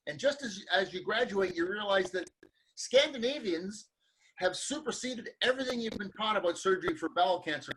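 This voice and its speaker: A man's voice: high-pitched, bright, forceful tone, slight background noise, rough recording. A man hosting a conversational interview, talking earnestly and with humor about hard times. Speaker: interview host.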